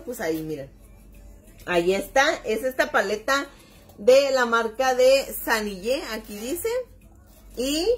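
A middle-aged woman from northern Mexico with a Mexican accent, chatting casually on a makeup live stream, exclamatory and chatty. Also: a little high. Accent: Mexican (Baja California). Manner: chatty, exclamatory, keeps calling viewers "chiquillas". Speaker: makeup vlogger. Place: home room by her vanity.

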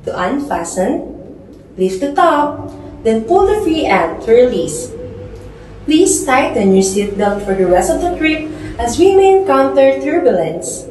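A woman in her twenties giving a formal, measured, scripted airport and cabin announcement as a flight attendant. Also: a little high, a little mellow. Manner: formal, measured public-address delivery. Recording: echoey, reverberant, faint background noise.

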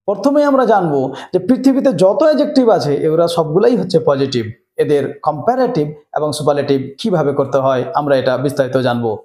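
Echoey teacher, step-by-step explaining. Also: male voice, a little high, lively intonation, a little fast, warm tone. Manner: explains step by step, addressing students directly. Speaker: English teacher. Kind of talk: classroom grammar lesson. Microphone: camera mic, presenter on screen. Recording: echoey room.

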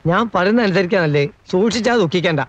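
An actor playing a nervous, fussy middle-aged household helper, giving anxious, secretive warnings. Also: male voice, sits high, lively intonation, fast, no echo, highs cut off. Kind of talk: film dialogue.

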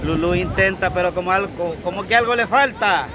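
A man with a Salvadoran accent hosting an outdoor TV game, teasing and giving instructions in a casual, lively way. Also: sits high, a little fast, noisy background. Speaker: TV game host. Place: outdoors on a sandy shore.

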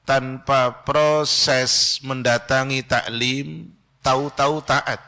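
A middle-aged man giving a Friday sermon from a mosque pulpit, slow and measured, with quick Arabic recitation. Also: medium pitch, pushed and bright. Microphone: stand mic close to mouth.

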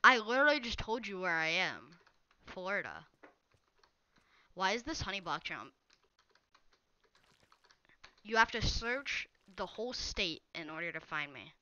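A woman's voice: medium pitch, big pitch swings, normal speed, bright, forceful tone, clean tone, highs cut off. A young woman live-streaming a game, chatting casually and teasing viewers as she reads their messages. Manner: teasing, talks straight to viewers reading chat. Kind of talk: casual live-stream chat while gaming.

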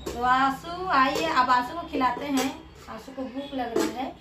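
A woman's voice: high voice, fairly even intonation, a little slow, music in the background. A woman in her twenties chatting casually as a home vlogger, showing viewers around. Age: 20s. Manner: chatty, shows things to viewers. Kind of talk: casual home vlog chat. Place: home kitchen and rooftop.

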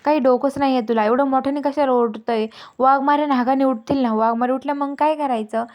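A woman's voice: high-pitched, steady tone, brisk, darkish tone, lightly acted. A woman voicing a young male caretaker who scolds and fusses over the lady he looks after, in a retold serial story. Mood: scolding. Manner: scolding, bossy.

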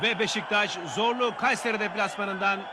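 A man narrating football match highlights as the commentator. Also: steady tone, normal speed. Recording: loud crowd noise behind, noisy outdoor audio. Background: stadium crowd.

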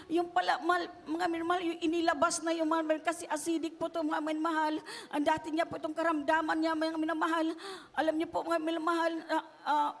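A middle-aged woman gives a church testimony in a very high voice that stays level, hardly rising or falling. She speaks, keeps turning to the congregation with a fond address, and her voice grows tearful at times. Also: big-room sound. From Philippines. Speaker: church member giving testimony.

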